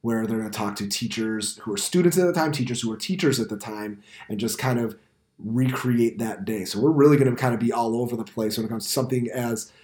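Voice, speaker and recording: A man's voice: mid-range voice, fast talker, darkish tone. A middle-aged American man casually hosting and interviewing on a podcast. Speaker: podcast host and teacher. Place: indoor school podcast studio. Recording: roomy, reverberant room sound.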